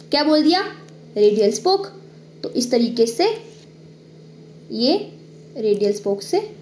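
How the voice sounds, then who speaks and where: A woman's voice: high-pitched, a little mellow, reverberant. Woman, biology teacher, step-by-step explaining, faint background hiss. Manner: explains step by step, checks in with "ठीक है"; drawing on screen while talking. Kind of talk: online exam-prep lecture.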